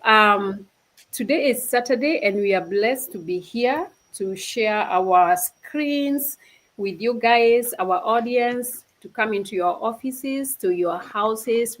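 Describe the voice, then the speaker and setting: A woman's voice: medium pitch, slow, rough recording. A woman from Kenya hosts a live online stream and speaks earnestly to her viewers. She often repeats and restarts her phrases as she goes, and she comes through a video call setup. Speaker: host of a livestream. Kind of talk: casual livestream talk.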